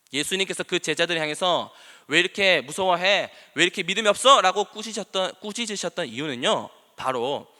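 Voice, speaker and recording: A man preaching a sermon in a church, animated and dramatic, acting out the scripture quotes with strong emphasis. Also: on the high side. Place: church sanctuary. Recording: long reverb of a church hall.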